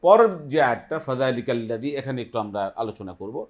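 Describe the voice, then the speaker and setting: A man's voice: medium pitch, big pitch swings, quick pace. A man with a Bengali accent hosting a televised Quran lesson, patiently modeling pronunciation and having the class repeat after him. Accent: Bangladeshi Bengali. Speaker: Quran recitation teacher and host. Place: television studio.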